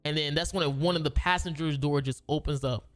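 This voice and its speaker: A man with a fairly high voice tells a story in a loose, rambling way. He restarts his sentences and uses a lot of slang. Soft music plays quietly behind him. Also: fairly even intonation, fairly quick. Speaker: gaming video creator. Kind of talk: casual storytelling.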